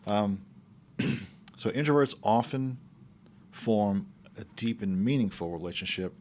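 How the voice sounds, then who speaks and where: A man with a deep, low voice hosts a relaxed talk podcast, pausing and restarting as he goes. A faint noise floor sits under the recording. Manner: easygoing, halting, with asides. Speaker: podcast host. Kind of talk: casual conversational podcast.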